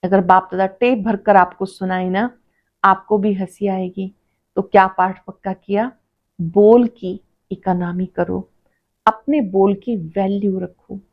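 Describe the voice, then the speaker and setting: A woman reading a devotional sermon as a spiritual teacher, slowly, repeating key phrases for emphasis. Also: mid-range voice, lo-fi sound.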